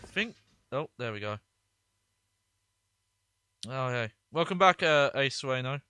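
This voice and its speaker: A man giving casual video game commentary as a streamer, rambling in halting asides. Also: mid-range voice, expressive, pushed and bright, clear, resonant tone, no room sound. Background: game music.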